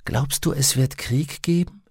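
A man's voice: mid-range voice, a little slow, darkish tone, husky, dry recording, studio quality, voice pushed up. A man voicing a stubborn, curious young girl who talks in a defiant, eager way. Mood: worried.

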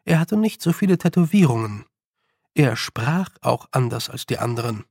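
A man narrating a storybook in a calm, unhurried reading style. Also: mid-range voice, no room sound, clean studio sound. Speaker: audiobook narrator. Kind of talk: scripted narration.

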